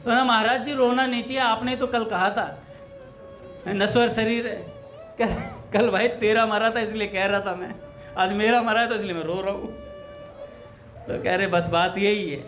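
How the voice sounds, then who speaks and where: High-voiced man telling devotional stories. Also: normal speed, long pauses, soft background music. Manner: acts out dialogue in anecdotes, relaxed conversational tone. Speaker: satsang speaker. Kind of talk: devotional storytelling talk.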